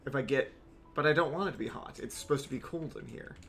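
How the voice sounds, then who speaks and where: A man's voice: medium pitch, quick pace, slight background noise. A young man streaming a game, rambling wryly with swearing asides as he plays. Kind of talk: casual gameplay commentary.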